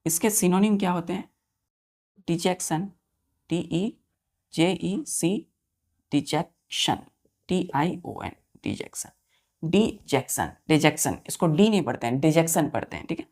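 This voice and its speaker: A woman teaching English vocabulary to students, spelling each word out letter by letter, repeating meanings and often asking if it is clear. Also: on the low side, animated, a little slow, long pauses, darkish tone.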